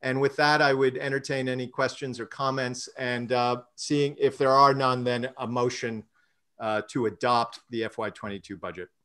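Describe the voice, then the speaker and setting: A man serving as treasurer presents a budget and runs a vote at an online council meeting, speaking in a measured way with many fillers and restarts. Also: medium pitch, level tone, fairly bright tone. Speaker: treasurer and finance committee chair.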